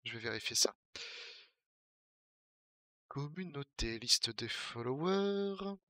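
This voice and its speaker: A man's voice: mid-range voice, expressive, slow pace, bright, forceful tone, dry recording, clean studio sound. A young man from the Paris region with a Parisian French accent, talking casually as a Twitch streamer while playing a game, joking and answering his chat. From Paris region, France.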